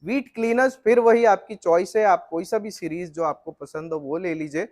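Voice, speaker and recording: Speaking straight to the viewer at a moderate pace, a high-pitched middle-aged man explains flour mill equipment in a steady technical walkthrough.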